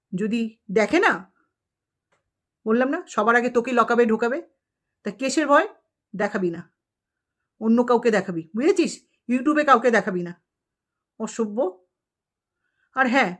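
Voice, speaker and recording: Woman vlogger going off at someone, scolding and insulting, fairly high voice, lots of "you get it?" questions. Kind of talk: angry rant at a rival.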